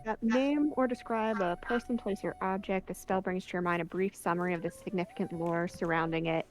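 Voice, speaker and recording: Lower-voiced woman playing a tabletop game. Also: steady tone, fairly quick, darkish tone. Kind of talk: casual tabletop game talk.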